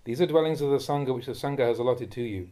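Mellow-voiced monk reading a stern talk. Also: male voice, medium pitch. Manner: measured and admonishing, rising sharply when scolding. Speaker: monk reading teachings aloud. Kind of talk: reading a Dhamma talk aloud. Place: monastery.

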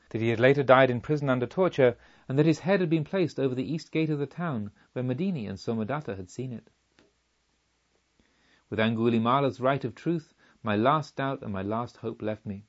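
A man's voice: medium pitch, highs cut off. Man reading an audiobook somberly. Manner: measured, somber storytelling. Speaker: audiobook reader. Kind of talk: audiobook narration.

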